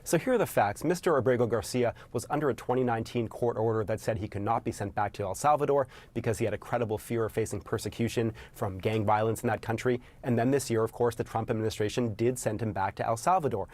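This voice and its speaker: Man, news reporter, methodical, middle pitch, scripted fact-check. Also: a little mellow. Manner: brisk, methodical, enumerating points.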